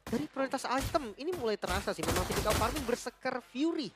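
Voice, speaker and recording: Fast male esports caster, noisy background. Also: extremely high pitch, expressive. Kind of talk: casual analytical esports caster commentary. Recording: noisy commentary with event ambience. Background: noise and ambience.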